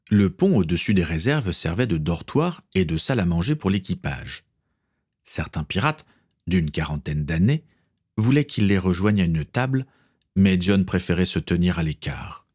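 Male narrator, storybook reading, low pitch, lively intonation. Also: normal speed, breathy edge. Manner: expressive storytelling.

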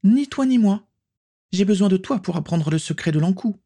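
A man putting on a cold, haughty witch who threatens with ease, her voice pitched high and slightly husky. She sounds lofty and cruel, an audiobook villainess. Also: animated, moderate pace, warm tone, exaggerated voice. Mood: haughty, threatening. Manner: haughty, menacing. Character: scheming cruel female dark witch. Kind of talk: audiobook character voice.

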